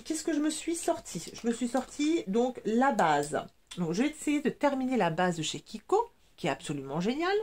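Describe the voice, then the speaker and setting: In a relaxed talk about makeup products, a woman in her 40s who works as a beauty vlogger gushes chattily, sprinkling in many fillers and sniffling now and then. She has a medium-pitched voice, with slight background noise.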